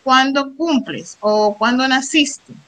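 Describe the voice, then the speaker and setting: A middle-aged woman teaching an English class, reading English phrases slowly and explaining them with frequent "right?" check-ins. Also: high-pitched, fairly bright tone, poor audio. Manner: reads English slowly, then explains in Spanish with frequent "¿verdad?". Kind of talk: classroom lesson.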